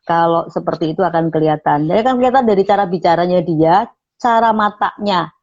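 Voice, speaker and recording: Brief: woman trainer, lowish voice, chatty explainer, dull lo-fi call audio. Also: fast talker, a little mellow. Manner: explains with frequent "nah", acts out sample phrases. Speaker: radio station manager and public speaking trainer. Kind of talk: online interview, explaining. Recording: muffled online call audio.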